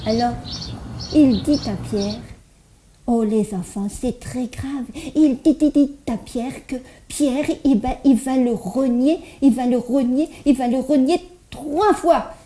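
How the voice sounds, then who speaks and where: A woman's voice: sits high, slow, dark tone. A woman voicing a cheerful, eager little child puppet who stutters heavily while telling a Bible story to children. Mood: storytelling. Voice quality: heavy stutter, repeats words many times.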